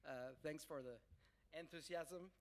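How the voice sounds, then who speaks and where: A man who is not a native French speaker, with a foreign accent in French, introducing a guest to an audience in a halting way, repeating words as he searches for phrasing. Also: a little high. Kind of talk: live spoken introduction to an audience.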